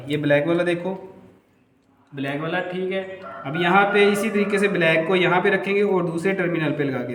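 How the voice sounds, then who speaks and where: A high-pitched man with a Hindi accent explains a repair while he works, often asking a question and then answering it himself. His voice rings in an echoey workshop, with a faint hum of noise behind him. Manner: talks while working, rhetorical questions, repeats "ठीक है". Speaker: electrical repair instructor. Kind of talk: hands-on repair tutorial.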